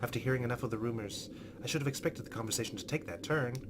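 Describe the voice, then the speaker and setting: The let's play host here is a man with a medium-pitched voice who races through the visual novel narration he reads aloud, adding asides as he goes. There's loud, steady noise in the background.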